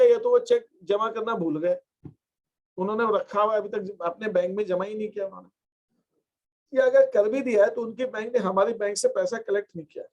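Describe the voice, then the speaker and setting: The audio is poor. A man whose voice sits high is teaching accountancy in a classroom lecture, breaking things down step by step with English terms woven in, dictating them slowly while he writes.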